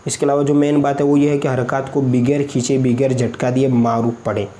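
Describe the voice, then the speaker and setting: A man with an Indian Hindustani accent teaches Quran reading step by step. He has a dark, mellow voice with a flat, level pitch. He drills the letters slowly and patiently, syllable by syllable. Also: a little hiss or hum. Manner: frequent checking asides. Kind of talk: step-by-step recorded lesson.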